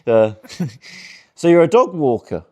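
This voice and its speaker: A man's voice: fairly high pitch, very animated, slow pace, warm tone. A man in his twenties doing crude, teasing crowd work as a stand-up comedian in a virtual-reality show. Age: 20s. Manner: crude, teasing, laughs often.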